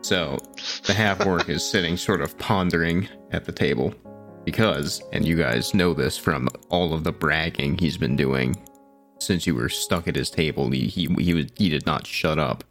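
Gravelly low-voiced man at a tabletop game. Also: moderate pace, a bit bright, faint music behind. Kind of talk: casual tabletop role-play chat and narration.

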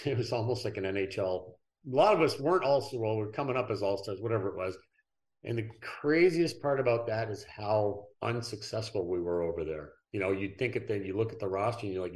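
A middle-aged man, a former pro athlete, telling relaxed, rambling anecdotes as a podcast guest. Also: on the low side. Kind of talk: casual interview storytelling.

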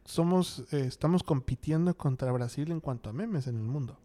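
A man's voice: on the high side, moderate pace, mellow. A young Mexican man with a Mexican Spanish accent, telling slangy anecdotes with laughs in a casual chat.

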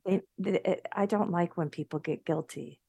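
A woman's voice: lowish voice, moderate pace, vocal fry, slightly rough, dry recording. A middle-aged woman talking earnestly in a conversational interview over a remote call, often restarting her sentences. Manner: earnest, animated, many restarts. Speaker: guest.

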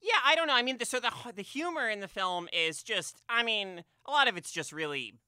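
A man's voice: high-pitched, a little fast, clear, resonant tone, no echo, clean studio sound. A man co-hosting a podcast, talking casually about a film with lots of fillers and restarts. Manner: animated, filler-heavy, frequent restarts. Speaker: podcast co-host.

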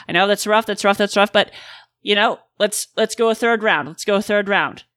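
A woman's voice: medium pitch, moderate pace, a bit bright, no echo, studio quality, close to an everyday voice. A woman voicing a slippery male street con artist in a tabletop game, with repetitive, coaxing patter.

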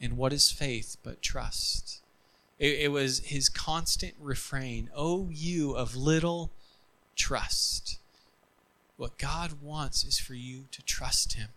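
A male pastor delivers an earnest sermon at an unhurried, deliberate pace. His voice is bright and clear, pressing points home through repetition. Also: medium pitch, fairly even intonation, poor audio. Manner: earnest, emphatic preaching with repetition; closes in soft, quiet prayer.

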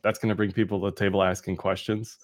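A man's voice: fairly low pitch, level tone, fast. A man co-hosting a podcast, explaining markets informally and often checking in with a tag question. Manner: informal, explanatory, punctuated with "right?". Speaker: podcast co-host, market analyst. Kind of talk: casual market commentary.

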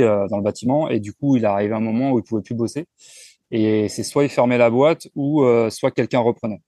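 A man in his forties, speaking as an interview guest in a relaxed, frank way, often pausing and restarting his sentences. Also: medium pitch, dry recording, clean studio sound. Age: 40s. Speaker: entrepreneur guest. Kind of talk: casual conversational interview.

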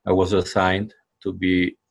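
A man's voice: low-pitched, monotone, a little slow, gravelly, husky. A man from El Salvador who works as a union organizer, answering interview questions hesitantly and with frequent fillers.

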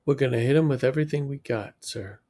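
A man's voice: medium pitch, fast talker, warm tone, lightly acted. A man playing an eager, bloodthirsty sandwich-shop soldier, earnest and gung-ho in an improvised comedy sketch.

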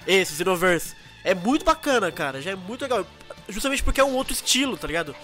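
A young man with a Brazilian accent chats casually on a podcast. He speaks rapidly in a fairly high voice, with plenty of slang and enthusiasm, over faint music. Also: sing-song, bright, forceful tone. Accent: Brazilian Portuguese. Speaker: podcast co-host. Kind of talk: casual chat.

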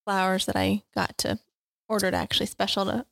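Gravelly-voiced woman in giggly home chat. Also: mid-range voice, little pitch movement, a little fast, no room sound, studio quality. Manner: warm, giggly, affectionate chatter. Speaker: podcast co-host. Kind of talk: casual family chat.

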